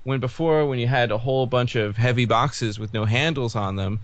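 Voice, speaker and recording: A man's voice: mid-range voice, fairly quick, no room sound. A man from upstate New York with his accent, a guest who talks things through in a thoughtful way, using analogies. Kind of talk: casual conversation.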